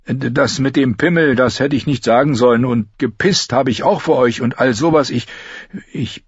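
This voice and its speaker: A man reading an audiobook voices a humble young male apprentice who speaks in a hesitant, deferential, halting way, with a husky tone. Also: mid-range voice, no echo, dull audio, pitched above the performer's own voice.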